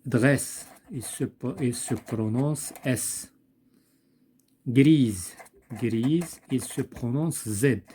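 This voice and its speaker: A man with a Moroccan accent teaching French spelling, slowly repeating each word and thinking aloud as he goes. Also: mid-range voice, dark tone, a little hiss or hum. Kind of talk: slow classroom explanation.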